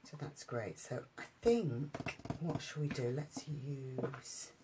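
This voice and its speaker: Low, slow-talking woman crafter. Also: background noise. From United Kingdom. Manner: relaxed and chatty, thinking aloud with many ums. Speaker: paper craft demonstrator. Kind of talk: casual craft tutorial.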